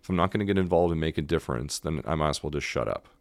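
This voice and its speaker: A middle-aged man from Canada with a very low voice talks as a podcast guest. He is earnest and emphatic and often doubles back on his words. The sound is dry and close, with no room echo. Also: rapid-fire. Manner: earnest, emphatic, repeats words while thinking. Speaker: guest restaurant owner. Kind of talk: casual podcast interview.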